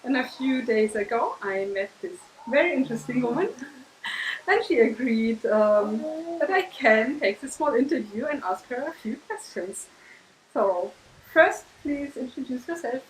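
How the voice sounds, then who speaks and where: A woman hosting an interview, asking questions in a gentle, measured way. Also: fairly high pitch, expressive. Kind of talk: casual interview. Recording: echoey with background noise.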